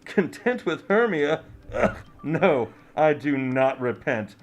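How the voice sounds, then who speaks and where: A man's voice: on the high side, very animated, slow pace, full character voice. A man playing a young lover speaking verse. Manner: declaiming verse. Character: Oberon then Lysander, young nobleman. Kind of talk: amateur home Shakespeare performance.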